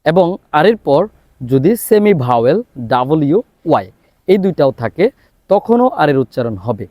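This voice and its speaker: A man's voice: fairly high pitch, expressive, mellow, no echo. Bangladeshi man drilling English words. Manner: drills words by repeating them slowly and clearly. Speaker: English teacher, academy founder. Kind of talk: spoken English lesson.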